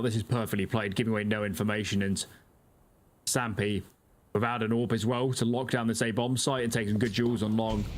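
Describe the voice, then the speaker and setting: A man giving analytical live esports commentary as a caster, breaking down the tactics of the play. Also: lowish voice. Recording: noisy, game gunfire behind the voice.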